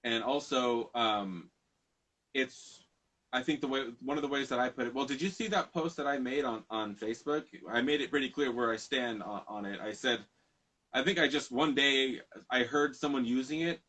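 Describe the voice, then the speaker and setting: A man's voice: medium pitch, moderate pace, a bit bright, rough recording. A man hosting a casual conversation, rambling and often correcting himself mid-sentence. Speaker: podcast host.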